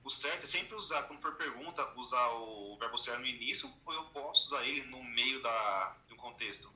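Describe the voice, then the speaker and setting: A man asks his teacher a long, run-on question, thinking aloud as he speaks. He talks quickly with a bright, sharp voice, in an echoey room with faint noise. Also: mid-range voice. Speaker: student. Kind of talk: asking questions in an online class.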